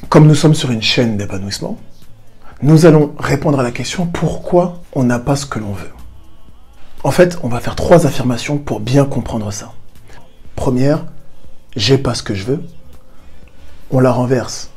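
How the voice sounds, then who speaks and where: A man's voice: mid-range voice, darkish tone, breathy edge. A man hosting a personal growth channel, explaining ideas straight to the viewer and repeating key points for emphasis. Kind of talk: explanatory talk to camera.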